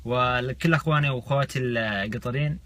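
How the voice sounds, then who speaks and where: A quick-talking man on delivers casual, playful comic bits in colloquial slang. His pitch is middling, and faint noise sits behind him. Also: a bit bright. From United States. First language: English. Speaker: social media comedian and vlogger. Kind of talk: casual comic talk to camera.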